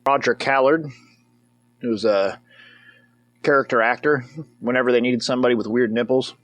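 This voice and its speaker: A man's voice: medium pitch, no echo. A man giving casual, comedic commentary over a movie as a reviewer. He rambles, jokes, and breaks into whoops and cheers.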